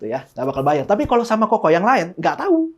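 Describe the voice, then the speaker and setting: A man's voice: high-pitched, huge pitch swings, fast talker. Casual pastor, man, jokey, acts out dialogues. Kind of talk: casual sermon.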